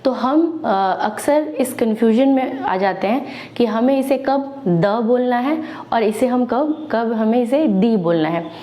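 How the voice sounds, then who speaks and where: A woman gives a whiteboard lesson in a somewhat high, mellow voice. She speaks slowly, spelling out examples one by one, with filler sounds and small restarts. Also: expressive. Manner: slow, spelling out words and examples; fillers and self-corrections. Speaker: English teacher.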